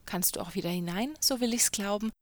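A woman voicing a bold, clever young man who talks calmly and without fear in a storybook tale. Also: medium pitch, a little fast, no room sound, lightly acted. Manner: calm, bold. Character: fearless clever young male student, son.

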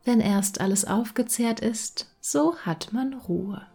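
A woman's voice: a little high, expressive, slow pace, warm tone, slightly rough, soft background music, pitched above the performer's own voice, heavily acted. A woman voicing a greedy, sly female cat in a fairy-tale reading, speaking in a smug, often half-whispered way. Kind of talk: storybook reading.

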